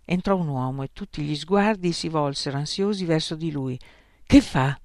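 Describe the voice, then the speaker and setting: Gravelly male narrator, measured and ironic, dry close read. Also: a little high, dry recording. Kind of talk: literary audiobook narration.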